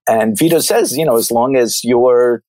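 A New York man with an American accent talks through films in a thoughtful, wandering, conversational style. His mid-range voice is a little mellow, moves at a normal speed, and carries no room sound.

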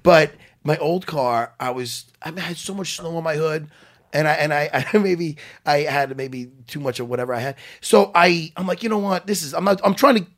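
A man's voice: a little high, normal speed, a bit bright. A man from Long Island hosting a podcast, rambling and joking, swearing freely in casual chat. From Long Island, New York. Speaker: podcast host.

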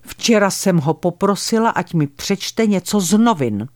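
A contemptuous old woman in her eighties who talks bluntly and confides in low, slow tones, as a woman reading a memoir puts her on. It is a dry, close storybook reading with a slightly lowered voice. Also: lively intonation, darkish tone, no echo, close to an everyday voice. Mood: confiding.

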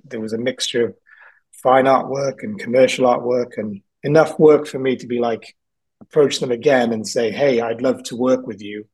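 A man's voice: medium pitch, a little mellow, husky, poor audio. A man from South Wales, a guest artist in a casual interview, talking thoughtfully and rambling a little, with frequent ums and laughs.

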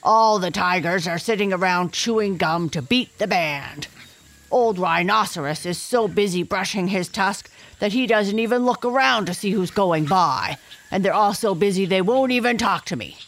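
A woman voicing gossiping male wild boars in a storybook, indignant and fast-talking. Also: medium pitch, lightly acted.

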